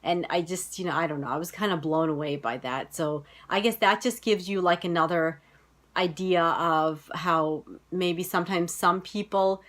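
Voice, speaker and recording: A woman vlogger in her thirties, American with a General American accent, chats to camera about personal experiences. Her voice is lowish and fairly bright, her pace moderate, and "like" and "you know" turn up constantly.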